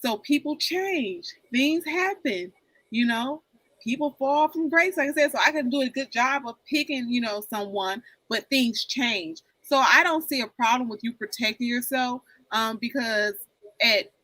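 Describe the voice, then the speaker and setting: A woman's voice: on the high side, pushed and bright, dry recording, low-quality recording. A woman in her forties talking candidly in a casual group chat, rambling and often repeating herself. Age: 40s. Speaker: panel guest.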